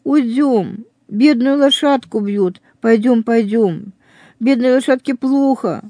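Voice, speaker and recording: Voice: takes it slowly, mellow, slight background noise. A reader voicing a frightened seven-year-old boy who pleads with his father, in a storybook reading. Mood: pleading. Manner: crying, high and pleading.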